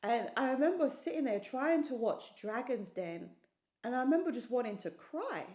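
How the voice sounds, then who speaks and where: A woman's voice: fairly high pitch, animated, moderate pace, darkish tone, echoey room. A woman from the United Kingdom giving an earnest personal testimony in an interview, often repeating phrases for emphasis.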